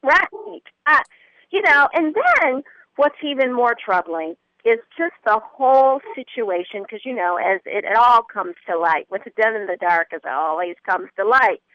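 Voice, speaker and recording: A woman appears as a guest commentator on a political talk radio show, her voice on the high side, animated and unhurried. She speaks earnestly and rises to indignant emphasis. The recording is dry, with muffled phone-line audio.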